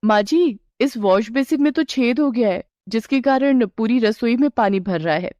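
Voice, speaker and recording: A woman voicing a curious, excitable young daughter-in-law who asks eager questions in a raised voice. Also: a little high, normal speed, no room sound, dull audio, lightly acted. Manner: wide-eyed, eager, questioning.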